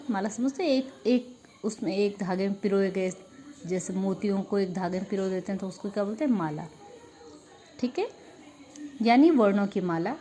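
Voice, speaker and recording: A woman's voice: mid-range voice, darkish tone. A woman teacher going over a grammar revision lesson with a class, asking questions and answering them herself. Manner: patient, asks and answers her own questions; repeats filler "ठीक है" often. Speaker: school Hindi teacher.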